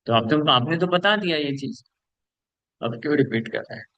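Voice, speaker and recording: A man's voice: on the high side, expressive, normal speed, a bit bright, no room sound, lo-fi sound. A man from India giving a scripture lecture, earnest and repetitive for emphasis, slipping English words into his talk and acting out listeners' excuses. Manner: earnest, repeats points for emphasis, mixes English words into Hindi; acts out listeners' excuses in asides. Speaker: preacher giving a scripture class.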